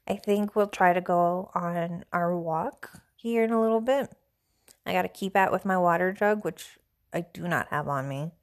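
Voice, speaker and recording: A woman with a slightly low voice hosts a casual solo podcast, rambling along in a self-deprecating way. She sounds stuffy and a little hoarse. She is from the central United States. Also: normal speed. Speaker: podcast host.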